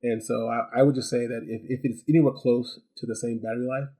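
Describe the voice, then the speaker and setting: Fast-talking and fairly even in intonation, a gadget review host rambles through a casual, unscripted product review, repeating words along the way. His medium-pitched voice is dark and slightly rough, and he's chatty with rhetorical asides and "right?" check-ins.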